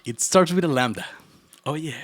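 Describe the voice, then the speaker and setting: An Argentine man with an Argentine Spanish accent codes on a livestream and jokes with his chat, teasing and laughing often. He speaks expressively at a moderate pace in a fairly high voice.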